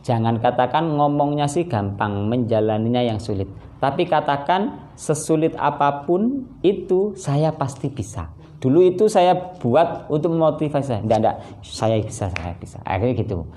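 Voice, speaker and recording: A man's voice: on the high side, moderate pace. A man preaching a casual Islamic sermon over a phone livestream. He speaks Indonesian with a Javanese accent, acts out dialogue and chuckles at his own asides. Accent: Javanese-influenced Indonesian. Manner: animated storytelling, acting out dialogue, chuckling asides.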